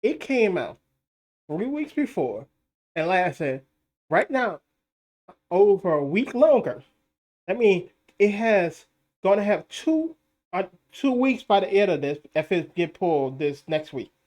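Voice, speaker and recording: This is a live streamer talking through box office figures in an argumentative, insistent way. They keep repeating their points and throw rhetorical questions at doubters, and they sometimes laugh at the doubters while they do it. The voice sits at an ordinary middle pitch. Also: animated, measured pace, a little mellow. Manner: mocking, laughs at critics.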